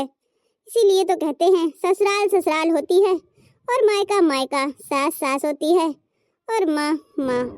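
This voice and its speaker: A woman voicing a gentle young daughter-in-law. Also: extremely high pitch, no echo, clean studio sound. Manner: gentle, advising. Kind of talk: cartoon story voice acting.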